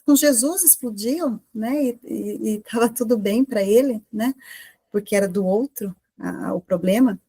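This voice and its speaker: A woman with a Brazilian Portuguese accent gives an informal talk to a women's group, asking lots of rhetorical questions and tagging her sentences with quick checks. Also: fairly high pitch, dark tone, husky, dry recording. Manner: conversational, full of rhetorical questions and tag questions. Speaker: guest speaker at a women's group meeting.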